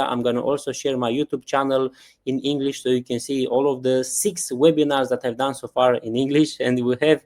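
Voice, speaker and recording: A Romanian man in his thirties hosts a webinar in English, his second language. His pitch sits in the middle for a man, and his delivery is earnest and repetitive, with "yeah" tucked between his points. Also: darkish tone. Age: 30s. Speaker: webinar host and self-help coach. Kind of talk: presenting a webinar. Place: Bali.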